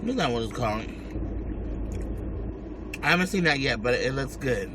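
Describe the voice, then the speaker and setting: A man's voice: mid-range voice, animated, normal speed, noisy background. An American man talking casually to his viewers as he eats, chewing between and during his words. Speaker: mukbang vlogger. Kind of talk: casual chat to viewers while eating.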